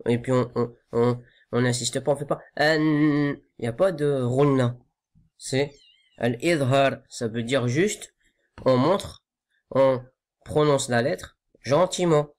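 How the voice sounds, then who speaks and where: A man's voice: mid-range voice, a little mellow. A man teaching correct pronunciation for recitation, patient and repetitive, modelling each sound again and again. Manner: slow, patient, repeats sounds to correct them. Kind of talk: tajwid lesson.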